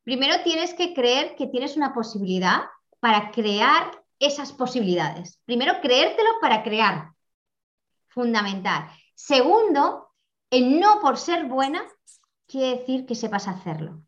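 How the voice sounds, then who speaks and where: A woman giving a reflective conversational talk, animated and repeating phrases for emphasis. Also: high voice, a little slow. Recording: muffled lo-fi audio.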